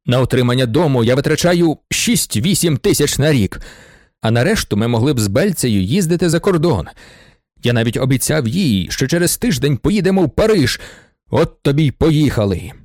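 Man voicing a worked-up old aristocrat, pitch all over the place, pompous and self-pitying, dry close mic. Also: fairly quick, dry recording, natural voice. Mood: indignant. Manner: excitable and theatrical, swinging between indignation and gushing gratitude. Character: agitated aging male aristocrat, proud and pitying himself.

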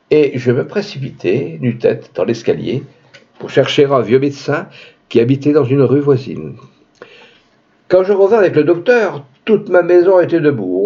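A man reads a classic tale aloud with a husky, mellow voice. His delivery swings widely in pitch for dramatic effect. The recording sounds slightly dull and lo-fi. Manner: dramatic, shifting pitch for emphasis. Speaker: storyteller reading a classic tale. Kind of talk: expressive literary reading.

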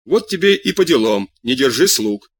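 A man voicing a gruff, blunt middle-aged farmer with curt, impatient questions. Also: medium pitch, big pitch swings, moderate pace.

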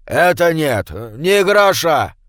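A man's voice: a little high, very animated, slow, fairly bright tone, no room sound, studio quality, voice pushed up, heavily acted. A man voicing a sly, teasing old uncle who drawls his remarks. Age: older.

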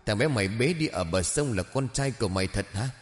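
Male narrator voicing a scared village father, low, anxious storybook voice. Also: expressive, a little fast, husky. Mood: panicked. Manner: urgent, panicked. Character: frightened middle-aged village father.

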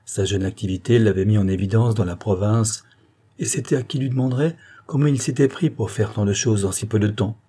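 A man narrating a classic novel as an audiobook, measured and even. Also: fairly low pitch, slightly rough.

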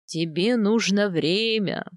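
A woman voicing a stern older male steppe khan in an audiobook, talking slowly and firmly. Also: medium pitch, no room sound, studio quality, close to an everyday voice. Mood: grave, measured. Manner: slow, measured and firm.

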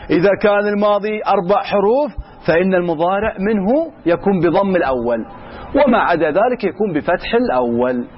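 A male grammar teacher with a high voice walks his class through the rules, asking questions and answering them himself and slipping between everyday speech and formal Arabic. He reads the text slowly before explaining it in plain words. The recording is a little dull, with faint noise behind him. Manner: mixes colloquial Arabic with formal Arabic. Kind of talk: classroom lesson.

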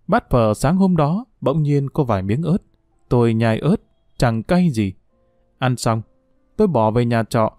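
Mellow man narrating a novel. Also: mid-range voice, no echo, studio quality. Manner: wistful first-person storytelling. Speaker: audiobook narrator.

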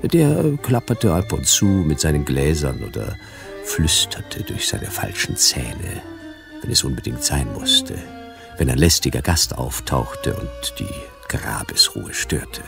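An actor narrating as a world-weary detective in a wry, hardboiled first-person style for a radio drama. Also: male voice, extremely low pitch, sing-song, slow pace, vocal fry, music in the background, exaggerated voice.

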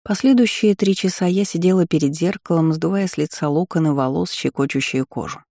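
A man narrating an audiobook in a calm, even reading voice. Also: a little high, fairly quick, vocal fry, dry recording, studio quality. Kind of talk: scripted narration.

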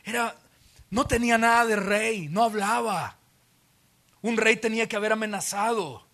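A man's voice: sits high, moderate pace, creaky, a bit bright. A man with a Salvadoran Spanish accent preaching a sermon in a church auditorium, telling the story dramatically and acting out the scenes. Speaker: pastor.

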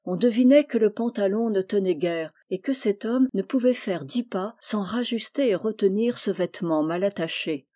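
Mellow-voiced woman reading a story. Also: mid-range voice. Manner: measured, expressive literary reading. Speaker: narrator. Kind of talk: audiobook reading of a classic short story.

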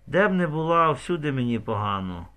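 A man's voice: mid-range voice, big pitch swings, brisk, pushed and bright. A man reading the lines of a weary, unhappy village woman who has been drinking, in an audiobook.

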